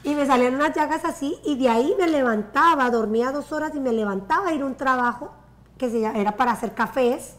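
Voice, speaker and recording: A Colombian woman in her forties tells her life story in Spanish with a Colombian accent as a guest in a casual interview. Her voice sits high and she talks fast, animated and gesturing with her hands, in a bright living room with a sofa and a view of the water.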